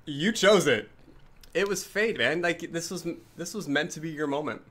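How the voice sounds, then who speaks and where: A man's voice: fairly high pitch, fairly quick, a bit bright. A man co-hosting a live gaming show, chatting casually, teasing his co-host and laughing often. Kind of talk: casual live-stream chat.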